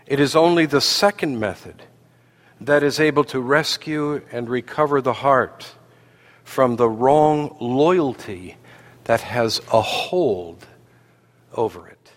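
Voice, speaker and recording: A man preaching a sermon, slow and deliberate, with dramatic pauses. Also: medium pitch. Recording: long hall reverb.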